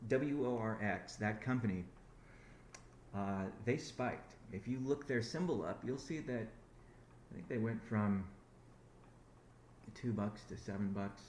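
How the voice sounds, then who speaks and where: Restarting sentences and correcting himself often, a company founder gives a rambling business update over a conference call. His voice sits on the low side, slow and a little mellow, captured with a roomy sound and slight background noise.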